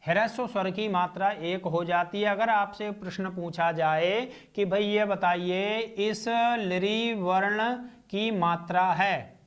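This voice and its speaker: A man's voice: sits high, steady tone, slow pace. A male teacher with a Hindi accent gives a classroom lecture, drawing out each vowel sound and answering his own questions. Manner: asks questions and answers them himself.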